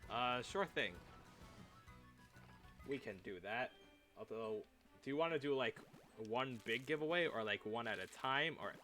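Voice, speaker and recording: A man's voice: medium pitch, expressive, unhurried, pauses often, pushed and bright, soft background music. A young man streaming a game, chatting casually and playfully with his viewers, laughing often. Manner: playful, chatty, reads chat aloud, frequent laughs. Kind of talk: casual livestream chat.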